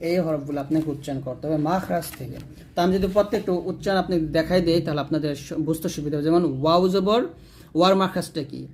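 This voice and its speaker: A man's voice: on the high side, a little hiss or hum. A man teaching Quran pronunciation step by step, repeating syllables and asking his students questions. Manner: repetitive, drilling syllables slowly and asking questions. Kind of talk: step-by-step lesson.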